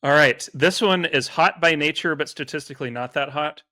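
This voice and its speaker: A man's voice: on the high side, dry recording, clean studio sound. A man co-hosting a sports podcast, chatting casually and rattling off stats with frequent fillers. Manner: animated, quick stats-driven talk with fillers. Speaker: co-host.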